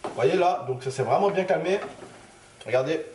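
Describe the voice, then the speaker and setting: Over a sizzling pan in a roomy home kitchen with frying noise, a cooking video host runs a casual demonstration, chatting and joking straight to viewers. His voice is a little high, a little mellow and expressive, at a moderate pace.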